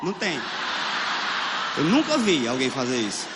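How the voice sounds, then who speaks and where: A man with a Brazilian Portuguese accent doing a crude stand-up set on a theater stage, animated and laughing at his own jokes. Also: medium pitch, moderate pace. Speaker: stand-up comedian. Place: theater stage with live audience. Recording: echoey hall with room noise.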